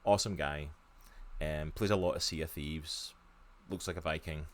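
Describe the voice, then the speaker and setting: A Scottish man in his thirties with a Glaswegian accent, from near Glasgow, co-hosts a casual podcast from a room at home over a video call. His voice is extremely low and moderately paced, and he's chatty and enthusiastic, with lots of fillers.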